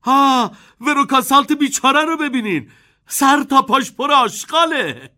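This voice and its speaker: Storybook little boy, high excited voice, a male reader putting it on. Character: poor young boy, eager and wide-eyed.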